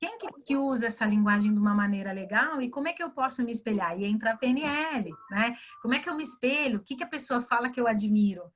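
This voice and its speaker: Woman from Brazil, fairly high voice, lively teaching chat, acts out dialogue, video call. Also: fast talker, hardly any pauses, slight background noise. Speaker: guest, career and English mentor. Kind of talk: explaining in a webinar chat.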